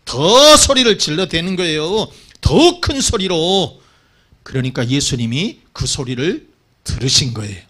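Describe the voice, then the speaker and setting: A man preaching a sermon as pastor, telling the story with animated energy and calling for amens. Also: a little high, unhurried. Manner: animated storytelling, acts out quotes; calls for amens from the congregation.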